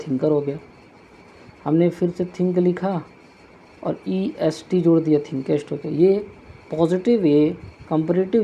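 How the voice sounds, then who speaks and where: A man teaches a grammar lesson, going over each point twice as he writes it on the board. His voice is very dark and mellow. A faint hiss sits under the recording. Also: fairly high pitch, lo-fi sound. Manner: patient, repeats each point slowly while writing on a board.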